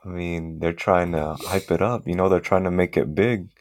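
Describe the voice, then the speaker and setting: A man's voice: deep voice, fairly even intonation, normal speed, no echo, clean studio sound. A man in a casual chat, laid-back and teasing.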